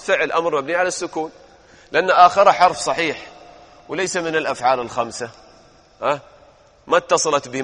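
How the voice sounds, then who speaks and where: A man's voice: a little high, fairly bright tone, long reverb tail. A male grammar teacher, drilling verb forms and quizzing his students in a classroom lesson.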